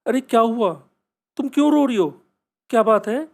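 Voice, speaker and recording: A man's voice: high voice, a little fast, natural voice. A man voicing a frightened young woman who insists she saw something, in urgent, pleading questions. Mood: alarmed.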